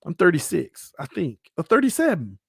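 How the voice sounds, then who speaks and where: Candid thirty-something man, slightly high voice. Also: huge pitch swings, moderate pace, vocal fry, breathy edge, dry recording, studio quality. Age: 30s. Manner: candid, laughs often, many fillers and restarts. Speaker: channel host. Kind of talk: casual personal storytelling.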